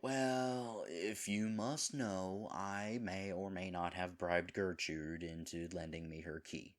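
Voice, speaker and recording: In a scripted romantic audio roleplay, a man plays a devoted, goofy boyfriend nervous about proposing, rambling and earnestly scolding himself with a playful bluffing air. His voice is low, slow and fairly even in intonation.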